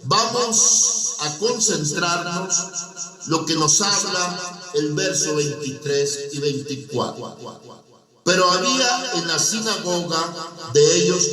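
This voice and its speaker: A man preaching a slow, emphatic radio sermon who repeats his key phrases. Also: high-pitched, distant mic. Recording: roomy radio broadcast from off mic with music.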